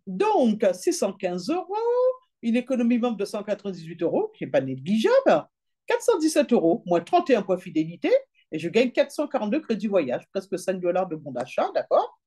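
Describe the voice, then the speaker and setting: A travel deals presenter, a woman, chats her way through an app demo, reading prices and numbers out slowly and sprinkling her sentences with "hein" and "d'accord." Her mid-range voice is mellow and slightly rough, with huge swings in pitch.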